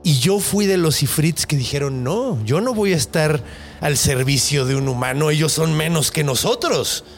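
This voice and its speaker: A man doing a slow, menacing giant genie. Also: fairly high pitch, creaky, faint music behind, pitched below the performer's own voice. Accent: Mexican. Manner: slow, dramatic storytelling delivery. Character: giant vengeful male genie, proud and bitter.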